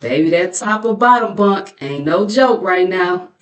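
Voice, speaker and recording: The audio is dull, and the voice is a fairly low one with lively intonation, moving a little slowly. It's a middle-aged American woman hosting and narrating YouTube reaction commentary in a sassy, gossipy, colloquial, playfully mocking, dramatic storytelling style.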